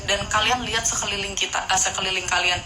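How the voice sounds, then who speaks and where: A woman's voice: medium pitch, fairly even intonation, fast. Chatty woman in her thirties, echoey room. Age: 30s. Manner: talkative, frequent fillers and restarts. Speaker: advice vlogger answering viewer questions. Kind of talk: casual chatty advice talk. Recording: echoey room with clear background noise.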